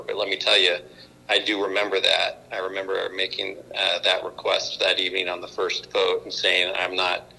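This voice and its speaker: A mayor calling in over a phone speaker at a council meeting, talking hesitantly with many restarts and fillers. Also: male voice, deep voice, vocal fry, sharp tone, rough recording.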